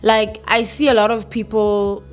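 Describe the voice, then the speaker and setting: Talking to camera in an unhurried, flat, mid-range voice, a South African woman in her thirties vlogs casually and candidly over soft background music. She slips in local words, laughs, and swears from time to time.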